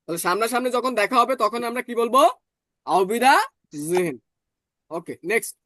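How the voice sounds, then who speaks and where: A man teaching German in an online class, explaining patiently and slowly repeating words. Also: extremely high pitch, sharp tone, no room sound, clean studio sound.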